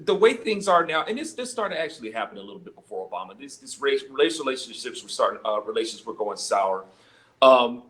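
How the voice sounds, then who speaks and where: An American man with a somewhat high voice talks as an interview guest. He gives conversational commentary in a halting way, doubling words as he begins his phrases. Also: a bit bright.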